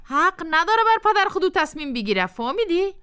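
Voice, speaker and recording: A woman's voice: extremely high pitch, very animated, exaggerated voice. An actress with an Afghan Dari accent playing a middle-aged mother who advises her daughter firmly. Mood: advising. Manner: warm advising, firm.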